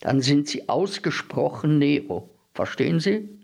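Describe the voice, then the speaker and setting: A man's voice: a little high, sing-song, measured pace, gravelly, a little mellow, exaggerated voice. A man voicing an eager, bookish man who lectures insistently in a story reading. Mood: lecturing. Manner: didactic, insistent, repeats questions.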